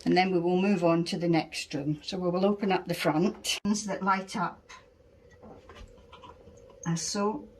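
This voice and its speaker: A middle-aged Scottish woman talks through her dollhouse in a relaxed show-and-tell way, pointing out each little item and patiently spelling out details. Her voice sits a touch low for a woman. A faint hiss of background noise runs under the recording. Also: a little slow, pauses often. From Scotland. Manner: patient, explains details step by step. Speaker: dollhouse owner showing her miniature house. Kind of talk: casual show-and-tell chat.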